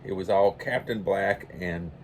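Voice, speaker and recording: Soft-spoken older man rambling. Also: unhurried, a little hiss or hum. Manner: meandering storyteller, quiet and low-key, with many restarts. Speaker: pipe-smoking channel host. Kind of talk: casual rambling anecdote.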